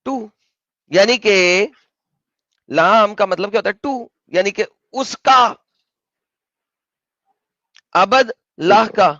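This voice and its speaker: A man hosting an argumentative online debate, pressing his opponent with questions and spelling his points out slowly over a call. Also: high-pitched, pushed and bright, no room sound, muffled recording.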